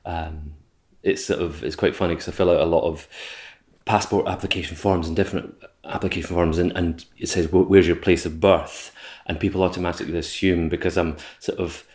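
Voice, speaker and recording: Very deep-voiced Scottish man, reflective. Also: steady tone, fairly quick, darkish tone. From Scotland. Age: 40s. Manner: hesitant, many fillers and restarts, reflective. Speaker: interview guest. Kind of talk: casual conversation.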